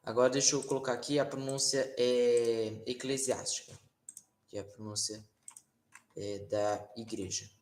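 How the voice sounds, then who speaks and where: A man's voice: mid-range voice, flat delivery, a little mellow. Brazilian man, informal language teacher, patient filler-heavy explaining, roomy sound. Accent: Brazilian Portuguese. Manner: informal, explains slowly with many fillers and tag questions. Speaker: Latin teacher. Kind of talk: casual online lesson. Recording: roomy echo.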